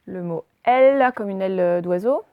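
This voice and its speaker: A woman primary school teacher giving a recorded phonics lesson to young pupils, speaking slowly and spelling out letters and words at a whiteboard, picked up by her camera's microphone. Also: mid-range voice, dry recording, phone-quality sound. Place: room with a whiteboard, filmed on her own camera.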